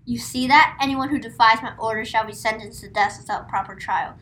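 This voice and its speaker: A woman's voice: on the high side, fairly quick, fairly bright tone, lightly acted. A woman playing a haughty, cruel government representative in an amateur historical skit, with pompous, scornful, theatrical villain menace. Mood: gloating. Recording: noisy amateur recording.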